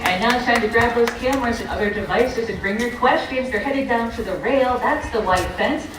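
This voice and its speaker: A woman's voice: on the high side, fairly quick, background noise. A woman announcing a live animal show to a crowd as an upbeat presenter. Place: outdoor horse show arena, heard over loudspeakers. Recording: very echoey distant PA, music behind.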